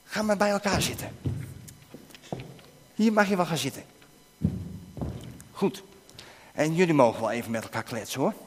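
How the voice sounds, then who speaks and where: A man preaches to children in a high, widely swinging voice, quizzing them and urging them on. He sometimes bursts into shouting, and a long reverb trails after his words through the hall. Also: moderate pace, long pauses, breathy edge. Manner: animated, coaxing questions to children, bursts into shouting. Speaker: preacher leading a children's talk. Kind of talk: interactive object lesson with children.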